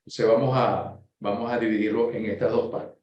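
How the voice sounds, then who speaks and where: A man from Venezuela presenting a software course in a webinar, explaining step by step and often checking in with his listeners. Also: lowish voice, flat delivery, moderate pace, heavy reverb, highs cut off. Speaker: course instructor.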